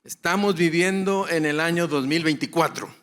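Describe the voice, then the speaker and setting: A man's voice: a little high, normal speed, a bit bright. A male pastor giving a conference lecture to other pastors, repeating key phrases for emphasis and asking and answering his own questions.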